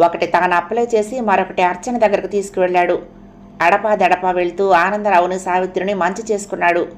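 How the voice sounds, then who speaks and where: A woman audiobook narrator reading a novel aloud, raising her voice for the characters' dialogue. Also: mid-range voice.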